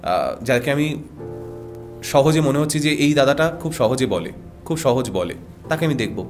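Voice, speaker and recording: A Bengali-accented man in a podcast chat, talking at a middle pitch with an earnest, emphatic manner. He drives his points home through rhythmic repetition, and faint music sits under his voice. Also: expressive, measured pace. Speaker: radio jockey and voice artist guest. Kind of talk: podcast conversation.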